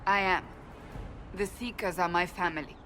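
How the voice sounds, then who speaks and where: A woman's voice: on the low side, steady tone, normal speed, pushed and bright, faint music behind. An actress playing a devout, proud woman warrior who speaks firmly and formally. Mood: resolute. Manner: firm, formal, resolute. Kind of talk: video game voice acting.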